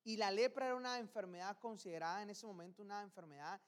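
A woman's voice: mid-range voice, quick pace. A woman preaching a sermon in a casual, conversational way, acting out short bits of dialogue and reading scripture aloud. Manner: informal, acts out dialogue and reads scripture.

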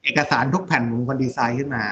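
A man's voice: medium pitch, fast, highs cut off. A middle-aged man, a surgeon and company head, talking casually and animatedly in an interview, often checking with tag questions. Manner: chatty, animated storyteller, many tag questions.

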